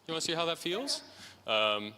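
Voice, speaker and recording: A man's voice: on the high side, very animated, normal speed, sharp tone, slight background noise. A man coaching a singer in an opera master class, encouraging and checking in often. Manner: breaks into sung and spoken musical phrases to demonstrate. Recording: long hall reverb, faint ambience.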